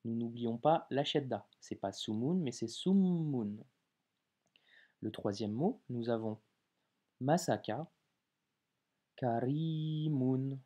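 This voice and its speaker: A man teaching how to read letters, talking casually and directly to the viewer and stretching out example words slowly. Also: mid-range voice, lively intonation, darkish tone, slightly rough. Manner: informal, addresses viewer as tu, drawn-out example words. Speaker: Arabic reading teacher. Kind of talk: casual video lesson.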